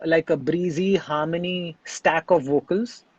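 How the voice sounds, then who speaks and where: A man, a singer speaking as an interview guest in a relaxed conversation, reflective and halting, often restarting his sentences. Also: a little high, slightly rough, dry recording, muffled recording.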